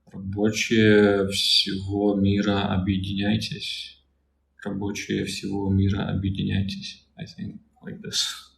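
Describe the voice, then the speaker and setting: A man from Russia, a native Russian speaker, working as a Russian tutor and calmly reading out and answering viewer questions. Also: deep voice, vocal fry. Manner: calm, unhurried explanations. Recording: echoey room, faint noise.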